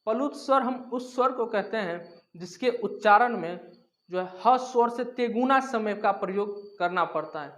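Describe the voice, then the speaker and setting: A man's voice: extremely high pitch, fairly bright tone. A man teaching a grammar lesson, explaining each point step by step, asking questions and answering them himself, and repeating key terms. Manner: repetitive, asks and answers own questions.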